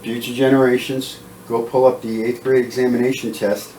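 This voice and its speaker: A man's voice: mid-range voice, level tone, fairly quick, a little mellow, a little hiss or hum. A man acting as interviewer, asking questions and adding comments in casual conversation. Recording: roomy, distant mic.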